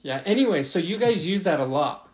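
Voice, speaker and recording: A man hosting a podcast, asking questions in a relaxed, casual way. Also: a little high, a little fast. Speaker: podcast host. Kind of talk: casual interview chat.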